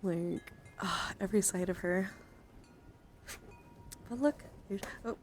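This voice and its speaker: Taking it slowly in a medium-pitched voice, a woman livestream host chats casually about her card collection, rambling and swearing freely. She's indoors filming on a handheld camera, with slight background noise.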